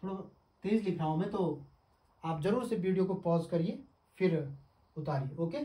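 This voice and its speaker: A male teacher giving an exam-prep lesson, who asks the class questions, answers them himself and sounds out syllables slowly. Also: sits high, dark tone. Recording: echoey room, mic at a distance.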